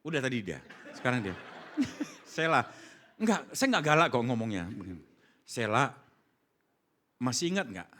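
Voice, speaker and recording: A man's voice: medium pitch, fairly bright tone. A man with an Indonesian accent, a pastor preaching a sermon in a church, joking with the congregation and calling out scripture. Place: church hall.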